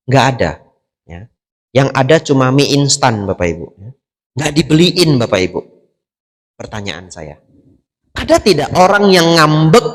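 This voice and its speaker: A man who is a Buddhist monk from Indonesia, giving a conversational sermon to an audience. He often asks the audience to confirm his points and acts out the people in his stories. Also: medium pitch. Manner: acts out quoted characters. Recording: long reverb of a hall.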